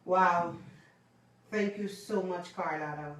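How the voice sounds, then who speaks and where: A woman's voice: fairly low pitch, slow, fairly bright tone. A woman hosting a talk show, speaking unhurriedly and affirming her guests. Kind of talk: casual talk show chat. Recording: echoey room, distant mic.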